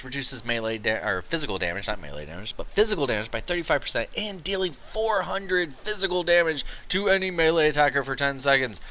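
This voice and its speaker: Excited, rambling young man with a bright voice. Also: medium pitch. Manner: excited, rambling, quick asides. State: tired after work. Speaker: gaming video creator. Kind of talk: casual game guide commentary.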